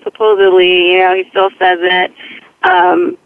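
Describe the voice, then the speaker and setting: A woman's voice: fairly low pitch, very animated, measured pace, creaky, smooth. A woman calling into a radio show from her car, talking hesitantly and self-consciously with restarts. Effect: radio show caller heard over a phone line. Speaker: caller. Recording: tinny phone line with faint car noise.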